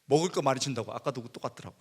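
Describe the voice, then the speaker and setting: A male pastor preaching a sermon in a church, telling a personal story and acting out his younger self in animated outbursts. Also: mid-range voice, racing, slightly rough. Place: church worship hall.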